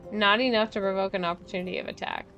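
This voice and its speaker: A woman's voice: medium pitch, steady tone, fast talker, gravelly, fairly bright tone, faint music behind. A woman streaming a game, chatting casually and thinking aloud while she plays, with frequent laughs. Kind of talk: casual gameplay commentary.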